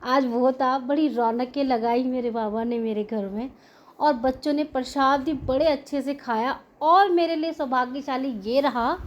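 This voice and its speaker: A middle-aged woman, sharing an earnest devotional testimony with a prayer group. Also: sits high. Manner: earnest, grateful, heartfelt storytelling.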